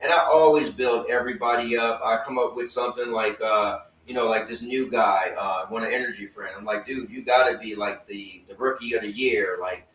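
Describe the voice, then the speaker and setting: A man hosting a casual talk show, telling animated stories and acting out other people's lines. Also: lowish voice, normal speed, few pauses, echoey room, far from the mic, slight background noise, low-quality recording. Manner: animated storyteller, acts out friends' lines. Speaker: host. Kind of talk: casual chat.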